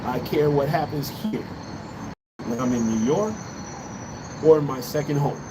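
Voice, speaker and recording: Speaking fairly high, animated and a little slow, an American man rants about politics to his livestream from a city balcony. He's blunt, swears freely and repeats phrases to drive points home, while loud traffic noise and street sounds carry on outdoors.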